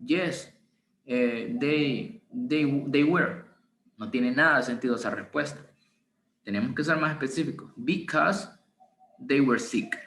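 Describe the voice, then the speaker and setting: A man teaching an online English lesson in Spanish, reading English examples slowly and explaining them patiently. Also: medium pitch, a bit bright. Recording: roomy echo with faint ambience.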